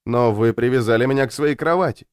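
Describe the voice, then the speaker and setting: A man voicing a polite, unflappable Japanese businessman who speaks in a courteous, calm and measured way. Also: mid-range voice, clear, resonant tone, dry recording, studio quality, lightly acted.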